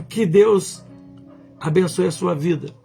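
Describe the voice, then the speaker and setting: A male pastor preaching a sermon, stressing words one by one and often clearing his throat. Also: high voice, slow pace, dark tone, faint music behind.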